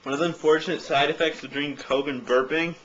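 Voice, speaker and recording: A man's voice: a little high, fairly even intonation, fast talker. Noisy lo-fi recording of a joking man. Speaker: burping contest vlogger. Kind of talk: casual chat. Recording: dull lo-fi audio, loud background noise.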